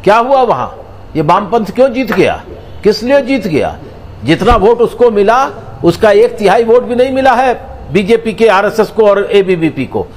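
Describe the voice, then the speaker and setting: Loud insistent older man in a TV debate. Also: high voice, sing-song, moderate pace, slight background noise. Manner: loud, insistent, talks over others. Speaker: debate panelist. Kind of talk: heated TV debate argument.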